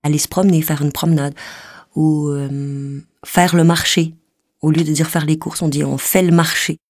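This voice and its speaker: A theatre actress from Quebec with a Québécois French accent, tinged with Swiss Jura, talking casually and reflectively, with light laughs now and then. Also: female voice, low-pitched, flat delivery, moderate pace, darkish tone, no room sound, clean studio sound. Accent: Québécois French, slightly mixed with Swiss Jura. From Quebec, Canada. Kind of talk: casual personal talk.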